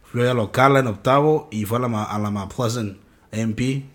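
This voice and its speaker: A man's voice: mid-range voice, fairly quick. A man hosting a casual chat, slangy and teasing, laughing often. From grew up in California. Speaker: podcast host.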